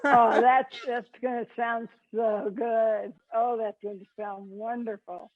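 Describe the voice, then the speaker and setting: A woman's voice: a little high, level tone, slow, no echo. A woman interviewing a band in casual chat, encouraging and enthusiastic. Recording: tinny phone-line audio.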